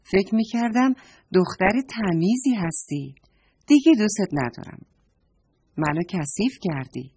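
A woman's voice: medium pitch, expressive, pauses often, a little mellow, husky. A woman voicing a fussy talking orange bag from a children's story that scolds and complains about being filled with litter. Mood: hurt.

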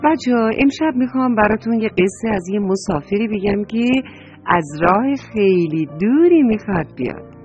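A woman's voice: mid-range voice, animated. A woman telling a children's story, speaking in a lilting way and addressing the children directly. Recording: dull dry recording, soft music.

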